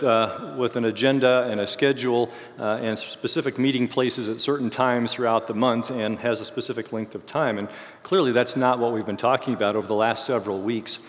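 The speaker is a man leading a church teaching series on discipleship, his medium voice a little worn and faltering as he gets over a cold. Talking to a group in a large, reverberant hall, he gives a casual, explanatory Bible lesson, halting and often correcting himself.

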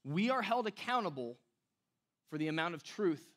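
With big pitch swings in a high, fairly bright voice at normal speed, a middle-aged man preaches a conversational teaching sermon. The pastor stops himself mid-thought, throws rhetorical questions at his congregation, and has a light whistle on his s sounds.

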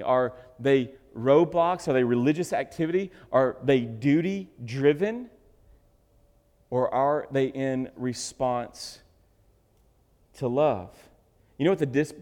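Preacher guy, jokes around then goes quiet and serious, big echoey church hall. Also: mid-range voice. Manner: animated, jokey, swings from loud to hushed. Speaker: pastor. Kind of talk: sermon. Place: church sanctuary. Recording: reverberant hall.

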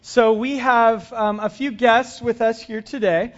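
A man hosting a church service, introducing guests in a relaxed, chatty way. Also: extremely high pitch, unhurried, muffled recording. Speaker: church host. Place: church sanctuary.

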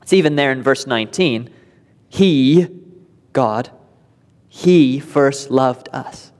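A man's voice: medium pitch, slow, a little mellow, big-room sound. A male pastor preaching a sermon in a conversational way, with light laughs between points.

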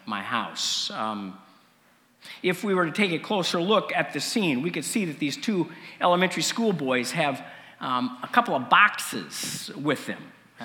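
A male preacher with a mid-range, slightly rough voice and a sharp tone delivers a story-driven sermon. He speaks conversationally and haltingly, pausing often and clearing his throat. The recording carries the echo of a reverberant hall.

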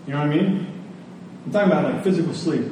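A pastor preaches a church sermon in a fairly high voice at a quick pace, emphatic and repeating phrases for weight, with conversational asides and rhetorical questions. The room is echoey, the mic distant, and there is faint noise.

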